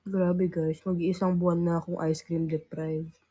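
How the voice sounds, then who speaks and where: A woman's voice: on the low side, level tone, normal speed, breathy edge, highs cut off. Teen girl host, casual live chat, teasing and giggly, under the weather with a cough. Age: teens. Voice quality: loudness rises and falls. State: sick with a cough. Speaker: livestream host.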